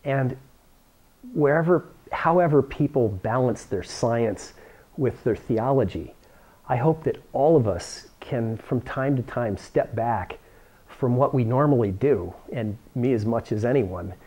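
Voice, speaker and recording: In an indoor workroom lined with cabinets, a male science toy-making instructor gives a plain-spoken, encouraging how-to demonstration to camera. His mid-range voice is animated and mellow, moving at a measured pace.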